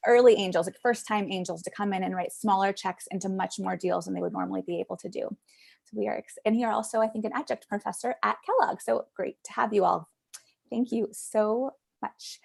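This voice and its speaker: A woman hosting a pitch event over a video call, giving upbeat, chatty introductions. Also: gravelly. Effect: heard over a video call. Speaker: event host.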